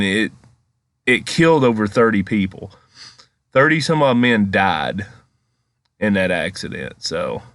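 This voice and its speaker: A man's voice: fairly low pitch, a bit bright, no echo. A man giving casual, rambling, conversational commentary as a paranormal vlog host. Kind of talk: casual storytelling commentary over footage.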